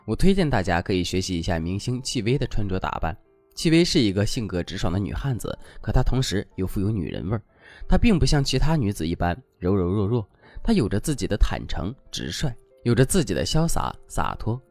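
A man's voice: lowish voice, very animated, brisk, darkish tone, dry recording, faint music behind. A man giving dating advice as a scripted, instructive lesson.

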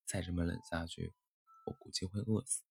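A man voicing a shy, insecure male crow in a storybook tale, speaking softly and bashfully. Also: low-pitched, steady tone, normal speed, vocal fry, slightly rough, faint music behind, exaggerated voice. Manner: soft, bashful, self-doubting.

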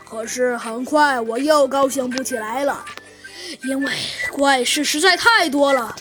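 Give me a sighing, worried wolf gentleman in a children's audio story, as a woman puts him on, halting and high-pitched. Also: over music. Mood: troubled. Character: worried male wolf elder recounting troubles.

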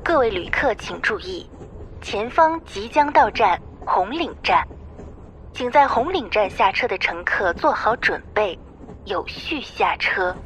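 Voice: medium pitch, animated, measured pace, pitched above the performer's own voice. Someone voicing a female train announcer over the intercom. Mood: formal. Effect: over the train intercom loudspeaker. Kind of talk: formal public announcement.

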